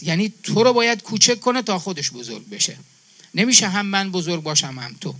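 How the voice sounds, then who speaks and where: A man's voice: high voice, a bit bright. A man from Iran giving a religious sermon to a gathering, building his points through emphatic repetition and calling his listeners brother and sister. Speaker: preacher.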